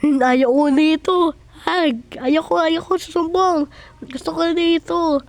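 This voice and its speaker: A woman performing a one-person comedy skit, excitable and whiny, often yelping and shouting. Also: very high voice, slow, slight background noise. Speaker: skit creator.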